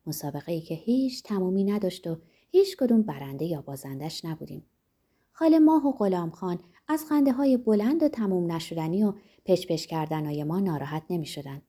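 A woman narrating a novel in a gentle, reflective storytelling manner, giving the characters' dialogue her own voice. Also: lowish voice, husky.

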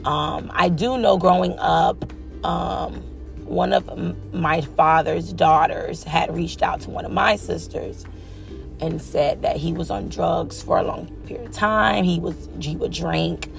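A woman hosting a personal faith podcast, speaking softly and hesitantly, then rising into fervent preaching. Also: on the low side, measured pace, creaky, faint music behind. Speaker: podcast host.

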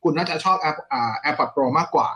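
A man co-hosting a casual tech question show, explaining gadgets in detail with a relaxed manner. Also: normal speed. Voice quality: mid-to-high voice.

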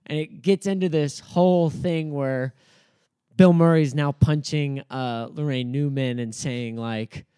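Mellow man telling a story. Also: a little high, a little slow, clean tone, no room sound, clean studio sound. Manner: relaxed storytelling with many fillers. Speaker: podcast co-host. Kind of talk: casual chat.

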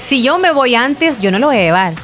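Female co-host, Salvadoran accent, slightly high, reflective, faint music. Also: brisk. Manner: expressive, reflective. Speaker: podcast co-host. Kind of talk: casual chat.

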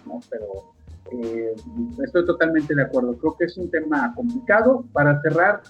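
A podcast host with a Mexican accent runs a casual sports talk show, chatting along with plenty of fillers and asides. His voice is fairly high and a bit breathy, and the sound is lo-fi.

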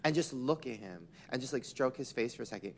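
Animated, crude young man on a podcast. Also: medium pitch, fast, a little hiss or hum. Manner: crude, playful, laughs often, animated. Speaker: podcast co-host. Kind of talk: casual chat.

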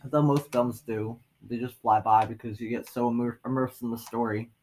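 A man's voice: mid-range voice, little pitch movement, a little fast, darkish tone, poor audio. A man co-hosting a casual podcast, joking and laughing often, talking while eating and hiccuping. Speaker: podcast co-host. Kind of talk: casual chat.

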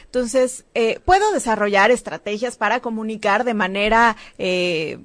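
A woman's voice: on the high side, animated, moderate pace, dry recording. A woman who teaches about happiness, explaining in an emphatic, instructive way on a talk show. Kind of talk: casual talk-show conversation.

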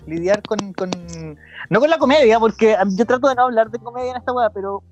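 A man's voice: very high voice, fast, highs cut off, soft background music. A young man with a Chilean accent hosting a casual podcast chat, rambling and correcting himself as he goes, swearing freely. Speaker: podcast host. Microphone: video call.

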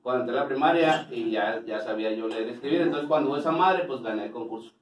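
A man's voice: mid-range voice, quick pace, distant mic, crowd noise. Echoey northern Mexican man telling slangy stories. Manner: animated slangy storyteller, swears freely. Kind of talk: casual joking chat. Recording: roomy echo, off mic.

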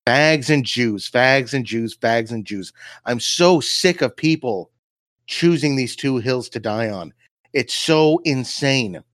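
A man's voice: mid-range voice, animated, slow, a bit bright, no room sound, clean studio sound. A man co-hosting a podcast, ranting heatedly in casual banter and laughing often. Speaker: podcast co-host.

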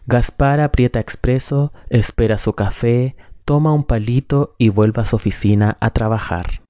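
A man reading a story in calm, measured scripted narration. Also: mid-range voice, smooth, no room sound. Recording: dull, dry lo-fi recording.

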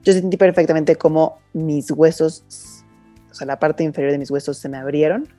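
Woman, low voice, mellow, hesitant storyteller, faint music behind. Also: fairly even intonation, moderate pace. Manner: hesitant, with many fillers. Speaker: podcast co-host. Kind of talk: casual chat.

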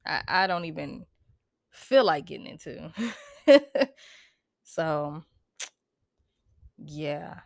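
A woman's voice: sits low, expressive, extremely slow, vocal fry, pauses often, no echo, studio quality. A young American woman hosting a solo podcast, talking casually but emphatically, with a stuffy, congested voice and frequent laughs. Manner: emphatic, preachy, laughs often. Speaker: podcast host.

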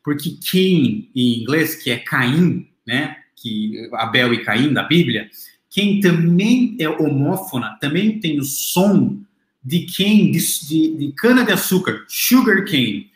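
Lecturer, male, slightly high voice, chatty and explanatory, roomy echo. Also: animated, slow pace. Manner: explanatory, addresses the audience directly, many fillers and restarts. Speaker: literature lecturer. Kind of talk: classroom lecture.

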